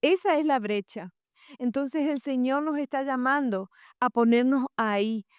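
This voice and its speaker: A woman shares a sermon alongside her husband, explaining points patiently and asking the listeners questions. Her voice sits fairly high and sounds smooth and clear. The sound is dry and close. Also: unhurried, no room sound. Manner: explanatory, asks the audience questions. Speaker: co-speaker, pastor's wife.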